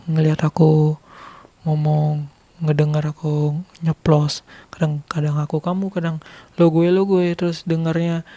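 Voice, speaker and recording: A man from Bali with a Balinese accent, chatting casually to his viewers, laughing often and sometimes dropping into a soft whisper. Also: fairly high pitch, no room sound. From Bali, Indonesia. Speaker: vlogger.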